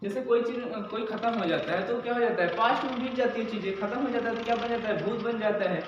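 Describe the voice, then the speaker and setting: High-voiced man teaching in an echoey room. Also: quick pace, a little hiss or hum. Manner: explains step by step, asks and answers his own questions. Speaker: English teacher. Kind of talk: classroom lecture. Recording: echoey dull room sound from a distance.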